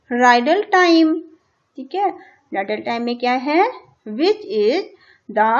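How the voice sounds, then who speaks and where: A woman teacher with an Indian accent who spells words out letter by letter for young children, stretching out English phrases very slowly. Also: sits high. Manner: spells words letter by letter, says "theek hai" after each point. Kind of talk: school lesson for young children. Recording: muffled lo-fi recording.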